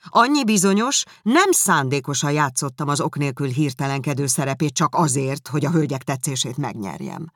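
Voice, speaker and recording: A woman's voice: low voice, very animated, no room sound, clean studio sound, heavily acted. Woman voicing a cheery easygoing young gent, laughs at himself, bouncy tone. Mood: genial. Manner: good-humoured, quick, self-mocking.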